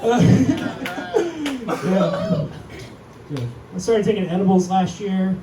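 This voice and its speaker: High-voiced young comedian in an echoey club. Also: male voice, drawn-out words, crowd noise. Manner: deadpan, self-deprecating, acts out quotes in a raised voice. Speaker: stand-up comedian. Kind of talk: stand-up comedy set. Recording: echoey club, mic heard from far, audience noise.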